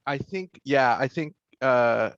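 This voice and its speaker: A man's voice: mid-range voice, slow, smooth, dry recording, muffled recording. Laid-back guy in a tabletop game, searches for words, dry mic. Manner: relaxed, fumbling for words. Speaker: player. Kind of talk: casual tabletop role-play.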